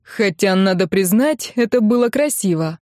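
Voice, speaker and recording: A woman's voice: medium pitch, animated, darkish tone, no echo, studio quality, natural voice. A woman voicing a theatrical middle-aged uncle who speaks with exaggerated, mock-tragic sarcasm. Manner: dramatic, drawn-out sarcasm.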